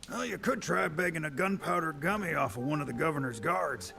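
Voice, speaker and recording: An actor playing a sly pirate-town local in a video game, giving tips in a dry, teasing, conspiratorial way. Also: male voice, a little high, lively intonation, brisk, vocal fry, over music. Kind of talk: video game character dialogue.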